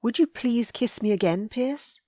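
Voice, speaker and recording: Woman doing young noble lady, high and eager, breathy, lovestruck, dry close sound. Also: expressive, a little slow, warm tone, no echo. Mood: earnest.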